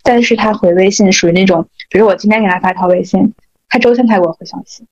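A woman's voice: medium pitch, fast talker, darkish tone. A woman co-hosting a podcast, telling chatty stories about her experiences in a casual conversation. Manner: chatty storytelling with laughs. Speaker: podcast co-host. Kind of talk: casual chat. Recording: dull lo-fi audio.

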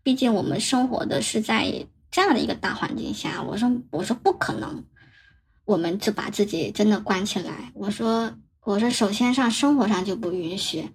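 A young woman telling her own story on a podcast, halting and often repeating words as she recounts past conversations. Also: mid-range voice, a little hiss or hum. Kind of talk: personal storytelling.

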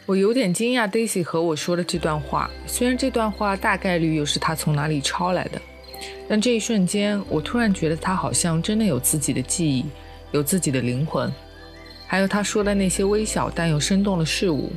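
A woman hosting a narrated podcast, talking reflectively in a lowish, even voice. Soft music runs faintly underneath as she muses aloud. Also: fairly quick. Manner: reflective, conversational. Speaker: podcast host. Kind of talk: narrated podcast with scripted segments.

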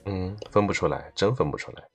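A man's voice: low voice, fairly quick, slightly rough, faint music behind. A man chatting casually as a podcast co-host, often repeating the openings of his sentences. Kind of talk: casual chat.

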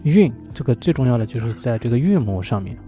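A man talking on his own about poetry in a relaxed, thoughtful way, often pausing on fillers as he thinks aloud. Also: medium pitch, soft background music. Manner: thoughtful, hesitant, many fillers. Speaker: vlogger. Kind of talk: casual solo talk about poetry.

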